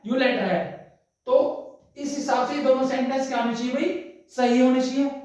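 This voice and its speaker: A man's voice: very high voice, darkish tone. A male grammar teacher giving a classroom lesson. He repeats each point, asks his students rhetorical questions and calls them "brother". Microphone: distant microphone. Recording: very echoey room, far from mic.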